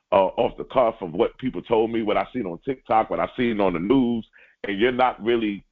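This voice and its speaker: A man with a lowish voice delivers a spiritual lesson like a sermon, addressing the audience as ladies and gentlemen. He slows down to repeat his main points. The sound is thin and tinny, like a phone line. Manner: repeats key lines slowly for emphasis; addresses listeners directly. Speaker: spiritual teacher. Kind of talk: sermon-like teaching.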